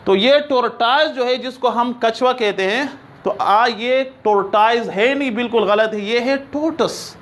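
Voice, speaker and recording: A man teaching an English class, explaining slowly, repeating examples and checking that students follow. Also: very high voice, fairly bright tone. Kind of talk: classroom lecture.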